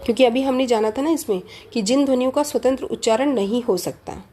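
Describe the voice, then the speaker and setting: A woman's voice: on the high side, quick pace, warm tone, a little hiss or hum. A woman teaching a lecture on language, explaining step by step, repeating key terms and asking rhetorical questions. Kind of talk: lecture on Hindi phonology.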